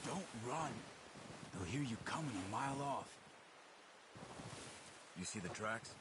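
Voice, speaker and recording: A man's voice: lively intonation, slow pace, very noisy. An American man playing a seasoned, watchful hunter in a video game, giving terse, patient instructions. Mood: focused, cautious. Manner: instructive, terse, low-key commands. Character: seasoned male hunter, patient, watchful outdoorsman guiding a companion. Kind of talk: naturalistic video game acting. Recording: game dialogue under loud outdoor ambience.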